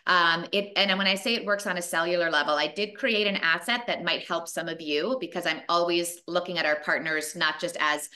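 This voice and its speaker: An energetic woman in her forties talks on a video call from home, pressing her points with emphatic repetition. Her voice sits a little low for a woman yet sounds bright and forceful. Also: brisk, few pauses. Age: 40s. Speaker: fitness program creator. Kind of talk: video call talk to business partners.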